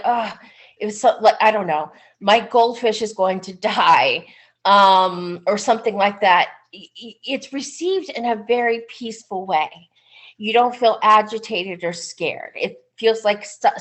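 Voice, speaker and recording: A woman who is a psychic medium giving a webinar talk over a video call, chatty with lots of "um"s. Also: medium pitch. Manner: unhurried, chatty, frequent "um"s, warm enthusiasm. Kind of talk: webinar presentation. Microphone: computer mic on a video call.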